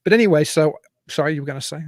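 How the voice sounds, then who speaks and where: A man's voice: on the high side, very fast, no echo, clean studio sound. A man hosting an online talk show over a video call, introducing a guest in a rambling, self-correcting way. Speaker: podcast host. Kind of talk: casual online show chat.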